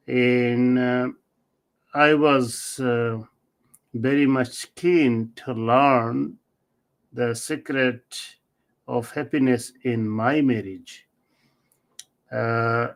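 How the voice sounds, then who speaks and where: A middle-aged man answers interview questions. His pitch sits in an ordinary middle range. He speaks very slowly, in a measured and halting way, and often pauses on fillers. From Bangladesh. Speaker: author and marriage celebrant, interview guest.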